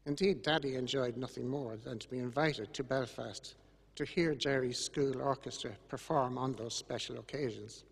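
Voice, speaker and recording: An older man with an Irish accent gives a funeral eulogy in a solemn, measured way, with grieving gratitude. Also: medium pitch, creaky, breathy edge. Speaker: eulogist speaking about his late brother. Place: large church, over a microphone to congregation and webcam. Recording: echoey church with long reverb.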